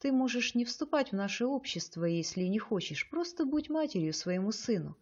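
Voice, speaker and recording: A woman voicing an elderly male cult leader who proclaims things solemnly and loudly. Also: a little high, animated, normal speed, slightly rough, dull audio, pitched above the performer's own voice. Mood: coaxing.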